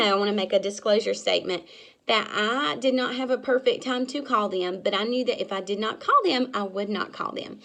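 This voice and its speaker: A young woman talks through her sales method in a chatty, upbeat way. Her voice sits fairly high and carries a gravelly fry at the ends of phrases. When she acts out her calls, it jumps up bright and eager. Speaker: business trainer. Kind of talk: casual instructional talk.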